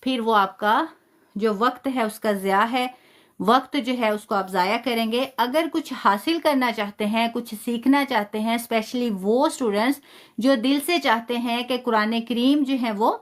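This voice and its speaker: High-voiced woman teaching tajweed. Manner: patient, explains step by step and drawn-out demonstration syllables; frequent praise to students. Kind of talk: live online lesson.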